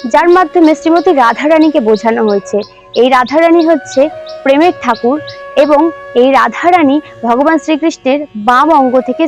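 A woman hosting a devotional channel, earnestly explaining religious terms and slowly reciting Sanskrit verses. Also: high voice. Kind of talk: religious teaching talk. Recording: faint background music.

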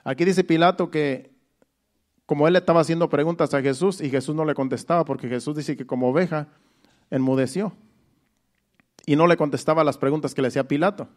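A slightly high-voiced male preacher. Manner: repeats phrases and restates verses in plain words; deliberate, explanatory preaching. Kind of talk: Sunday sermon.

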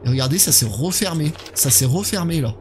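A man's voice: a little high, lively intonation, brisk, background noise. A man in his thirties giving casual live commentary on a horror game while chatting with his viewers. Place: indoor gaming setup.

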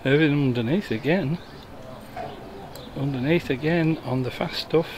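Recorded on a camera mic amid background noise at an outdoor bowling green, a man in no hurry gives relaxed amateur commentary on a bowls game. His voice is fairly high, and he walks through each shot conversationally as play unfolds.

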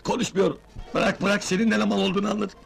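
A man playing a hotheaded young townsman, shouting indignantly in old dubbed film dialogue. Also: sits high, steady tone, fast talker, gravelly, faint music behind. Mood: wounded. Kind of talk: 1970s post-synced film dialogue.

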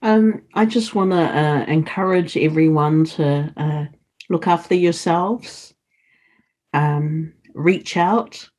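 Speaking slowly in a low, darkish voice, a middle-aged woman appears as a video-call guest. Her interview talk is earnest, and she presses her listeners to act.

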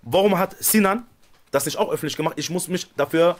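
Male reaction streamer, rapid and pushy, higher-pitched, accusatory tone. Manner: insistent, accusing.

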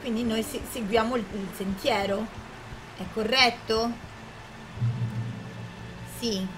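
A woman hosting her gaming channel, giving chatty let's play commentary, talking to the game character and quickly getting alarmed with frequent restarts. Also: a little high, steady tone, over music, low-quality recording.

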